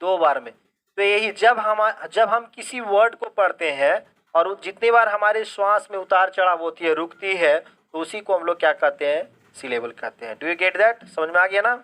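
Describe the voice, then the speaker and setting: Male teacher running a live online class, bright forceful tone, poses questions then answers them. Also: high voice, normal speed. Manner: keeps checking if students understand; mixes English phrases into Hindi explanation. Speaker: English grammar teacher.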